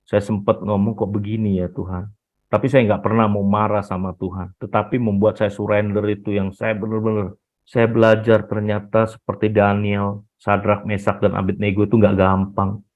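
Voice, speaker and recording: A man's voice: fairly low pitch, flat delivery, normal speed. A middle-aged man giving an earnest, emotional personal faith testimony, retelling conversations as he goes. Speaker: chapter president giving testimony. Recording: dull lo-fi recording.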